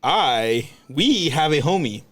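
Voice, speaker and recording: A young man co-hosting a podcast in casual chat, rambling with halting restarts and lots of fillers. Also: on the high side, sing-song, a bit bright, husky. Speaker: podcast co-host.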